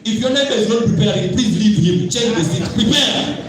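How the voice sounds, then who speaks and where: Guy emceeing, high voice, jokey and loud, hall echo, crowd around. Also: a little fast. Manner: playful, teasing, shouts and repeats to rouse the audience. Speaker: event MC. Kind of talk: hyping up a seminar crowd. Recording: echoey hall, far from the mic, crowd.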